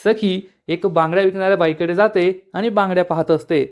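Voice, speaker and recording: A man's voice: high voice, fairly even intonation, a little fast. A man retelling a TV serial episode as a plain, storytelling narration. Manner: plain storytelling narration, reads out the characters' lines.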